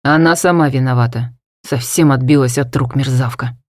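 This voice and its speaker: A man's voice: medium pitch, moderate pace, darkish tone, no echo, clean studio sound, voice pushed down, natural voice. A woman reading an audiobook, voicing a stern, harsh middle-aged father with clipped, cold delivery. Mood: cold contempt.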